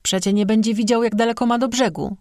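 Rough, fretful coastal fisherman, read by the narrator; plain speech, dry sound. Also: medium pitch, fairly even intonation, normal speed, darkish tone, no room sound, natural voice. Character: blunt worried fisherman.

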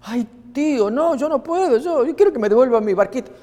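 Upset little boy, pleading and tearful, put on by a male preacher, high and ringing through a long hall echo. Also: lively intonation, fairly quick, dark tone.

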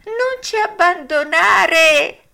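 A woman's voice: very high voice, expressive, extremely slow, vocal fry, pushed and bright, voice pushed up, heavily acted. A woman voicing a cunning male fox who begs in a whining, tearful tone. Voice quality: whiny, pleading.

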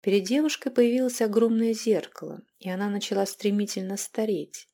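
A woman narrating a fantasy audiobook with an expressive, measured reading. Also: mid-range voice, vocal fry.

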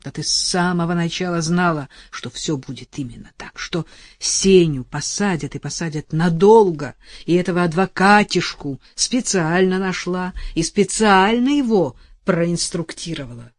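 A woman's voice: lowish voice, moderate pace, no room sound, studio quality, lightly acted. A woman reading an audiobook voices a young bride who mutters bitter, defiant thoughts and vows.

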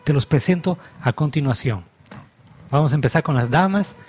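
A man's voice: a little high, moderate pace, a little mellow, slightly rough, soft background music. A man who is a pastor hosts a religious TV talk show, welcoming his guests in the manner of a presenter. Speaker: host, pastor.

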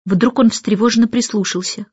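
A woman narrating a children's book in a calm, measured storytelling voice, in a dull lo-fi recording. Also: fairly high pitch, breathy edge, dry recording. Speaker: audiobook narrator. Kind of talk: scripted narration.

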